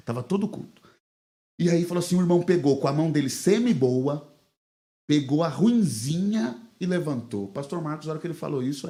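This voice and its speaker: A man with a Brazilian Portuguese accent, a pastor telling a lively anecdote on a podcast and acting out the quoted dialogue. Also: a little high. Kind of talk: casual podcast storytelling.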